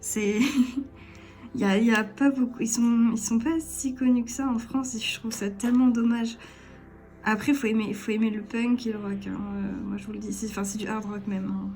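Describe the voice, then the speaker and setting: A woman's voice: on the high side, level tone, normal speed. A young woman chatting casually to camera at home as a vlogger, giggly and self-deprecating. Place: at home, at a table. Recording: faint music underneath. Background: soft background music.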